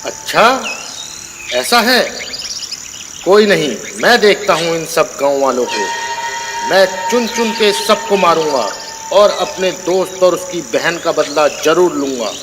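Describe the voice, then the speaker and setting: Man playing a menacing, slow-spoken vengeful demon. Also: expressive. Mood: scheming. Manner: menacing, slow booming threats with villain laughs. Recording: long reverb, clear background noise.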